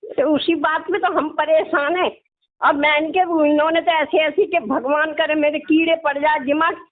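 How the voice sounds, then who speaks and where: On a casual phone call, a middle-aged woman who is a religious devotee grumbles as she talks, often finishing phrases with little tag questions. She speaks in a high-pitched voice at normal speed with fairly even intonation, and the line comes through tinny and narrow.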